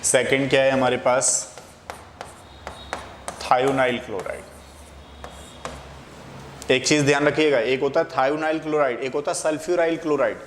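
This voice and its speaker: A man's voice: mid-range voice, fairly even intonation, measured pace, long pauses. Man lecturing in an echoey room. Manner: explanatory, asks and answers his own questions. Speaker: chemistry teacher. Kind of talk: classroom lecture explaining at a board. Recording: echoey room with faint background noise.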